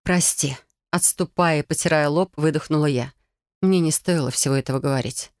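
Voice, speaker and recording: A woman with a low voice reads a first-person story aloud as an audiobook. The recording is dry and close, with no room sound. Her delivery is measured and even. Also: no room sound. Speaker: audiobook narrator.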